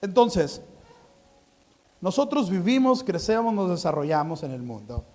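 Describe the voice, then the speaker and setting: A Mexican man preaching in a church, his voice pitched high and swinging widely up and down. He keeps firing rhetorical questions at the congregation and drops joking asides between them. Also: animated, unhurried, a little mellow. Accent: Mexican Spanish. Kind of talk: sermon.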